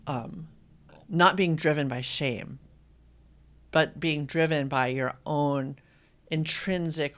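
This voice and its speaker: A host in their fifties, from Indiana, chatting casually on a live stream and reading viewer comments aloud, with frequent pauses and ums. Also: medium pitch, a bit bright. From Indiana, USA. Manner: rambling and hesitant, with many ums, reads viewer comments aloud.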